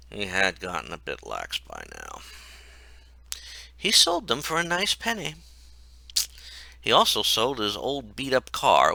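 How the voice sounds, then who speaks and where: A man's voice: fairly low pitch, vocal fry, bright, forceful tone, dry recording. A man reading his own comic story aloud in a wry, mocking way.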